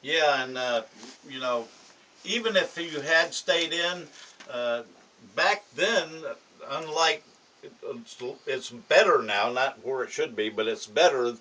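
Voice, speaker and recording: A man's voice: medium pitch, lively intonation, slow, sharp tone, far from the mic, poor audio. An older man, a veteran, talking conversationally on an interview panel and remembering in a plain-spoken way.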